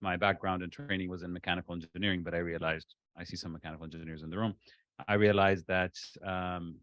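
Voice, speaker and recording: A man with a very deep voice, from Ethiopia, introducing himself on a conference panel. He speaks in a relaxed way and drops in joking asides to the room. The sound is dry and a touch dull. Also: quick pace, no room sound. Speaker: management consultant, panelist.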